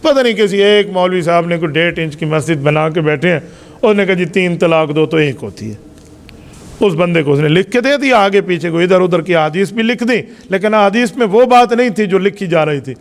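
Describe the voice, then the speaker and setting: Male Pakistani cleric, high voice, rhetorical sermon delivery, reverberant mosque hall. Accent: Pakistani Urdu. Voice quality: emphatic, rhetorical questions to the congregation. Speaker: mufti preaching Friday sermon.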